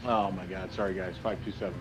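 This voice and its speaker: A man's voice: sits low, flat delivery, quick pace. A man talking casually during a craps game. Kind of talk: casual craps table talk. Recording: dull lo-fi audio, loud background noise.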